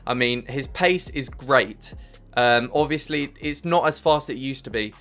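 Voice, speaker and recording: A man's voice: mid-range voice, measured pace, a bit bright. A young man giving enthusiastic, emphatic commentary as a gaming YouTuber ranking cards on a tier list. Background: faint background music.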